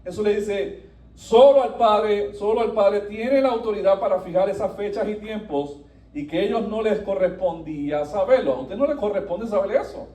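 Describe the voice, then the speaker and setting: A male pastor preaching a sermon with animated delivery, swinging between soft passages and emphatic, rising lines. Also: high-pitched, normal speed. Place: church sanctuary. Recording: echoey room, voice from a distance.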